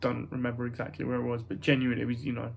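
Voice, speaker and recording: A man's voice: medium pitch, completely flat delivery, rapid-fire, gravelly, a little hiss or hum. A young British man with a nasal voice rambles casually to his vlog viewers, hesitant and self-conscious, often breaking off mid-thought. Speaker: vlogger.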